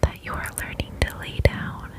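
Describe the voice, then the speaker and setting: A woman giving an ASMR pep talk in whispers, soothingly repeating gentle affirmations. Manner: soothing, slow, repeats phrases. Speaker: ASMR host.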